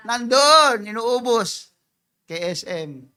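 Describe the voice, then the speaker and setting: A man pastor preaching a sermon, mixing Tagalog and English, swinging from quiet scripture reading to loud emphatic calls and mimicking people's prayers. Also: extremely high pitch, lively intonation, slow, smooth.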